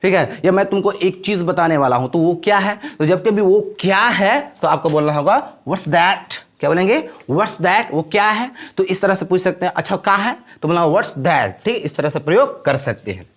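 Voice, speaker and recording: A man teaching spoken English, explaining in Hindi and repeating each example phrase slowly like a classroom drill. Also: high voice, expressive.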